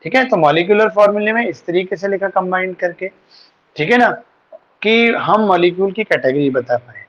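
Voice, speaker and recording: A man's voice: high-pitched, animated, normal speed, fairly bright tone. A man teaching a chemistry class online, patiently talking students through formulas and mixing in English terms. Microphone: online class setup. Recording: dull lo-fi sound.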